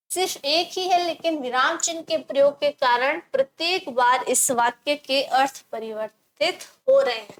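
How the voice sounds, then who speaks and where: Woman teacher, high voice, asks and answers her own questions, slight hiss behind. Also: fairly bright tone, rough recording. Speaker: Hindi teacher. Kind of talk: classroom grammar lesson.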